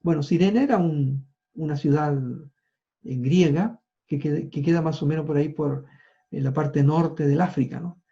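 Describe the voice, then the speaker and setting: A male preacher gives a sermon, retelling scripture and stopping for casual asides. His voice is fairly high but dark in tone, and the recording sounds dull and lo-fi. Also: normal speed, vocal fry.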